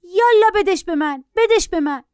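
A woman's voice: lively intonation, a little mellow, dry recording. A woman voicing a spoiled little boy who screams and whines for his tablet. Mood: shrill demanding. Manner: shrill, whiny and demanding.

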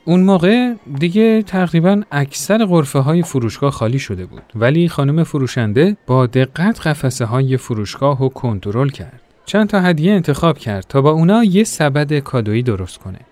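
A man reading a first-person story aloud in a gentle, reflective way. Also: on the high side, expressive. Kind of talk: scripted narration of a story. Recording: soft music behind the voice.

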